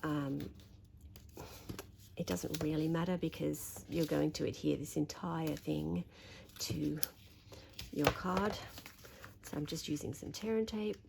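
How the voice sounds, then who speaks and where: An Australian woman with a slightly croaky voice, talking through a papercraft tutorial while she folds and trims, chatty and thinking aloud. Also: low voice, steady tone, slow, long pauses, a little mellow, slight background noise. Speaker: papercraft demonstrator. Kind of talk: craft tutorial narration.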